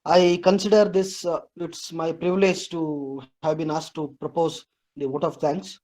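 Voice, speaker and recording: A man, a professor giving a formal, halting vote of thanks over a video call. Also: fairly high pitch, little pitch movement, darkish tone, rough recording. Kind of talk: formal webinar speech.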